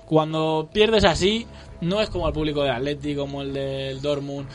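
A man in a casual football chat, opinionated and animated, speaking as a fan. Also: fairly high pitch, normal speed, soft background music.

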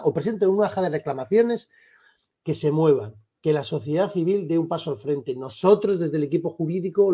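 A man, a lawyer for an association, answers interview questions in a firm, emphatic, insistent way with a husky voice. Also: fairly high pitch, lo-fi sound. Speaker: lawyer for a civil rights association.

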